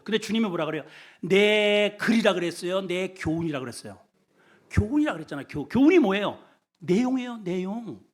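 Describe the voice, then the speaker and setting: A male senior pastor preaching a sermon, asking the congregation questions, with sudden loud bursts and quiet low asides. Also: slightly rough. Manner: shouts often in his preaching; asks the congregation questions and has them repeat words.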